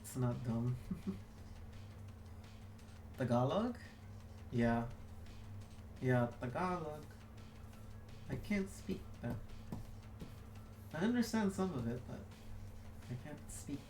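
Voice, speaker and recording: Drawing while reading chat, this young adult streamer rambles casually, leaning on "like" and correcting herself as she goes. Her mid-range voice is a little mellow, with lively intonation, a slow pace, and frequent pauses. Faint music plays behind her, and the room echoes roomily.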